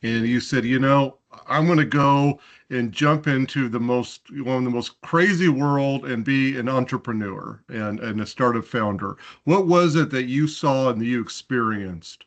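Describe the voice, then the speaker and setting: A man hosting a fireside chat asks long, winding questions, stopping and restarting often. His voice sits at a middle pitch for a man and sounds unremarkable and even. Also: measured pace, hardly any pauses. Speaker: interview host.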